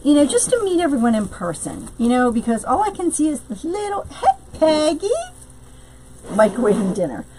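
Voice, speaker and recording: A woman's voice: high voice, sing-song, moderate pace, mellow, slight background noise, rough recording. A middle-aged woman, hosting a casual craft live stream, bubbly and greeting viewers by name.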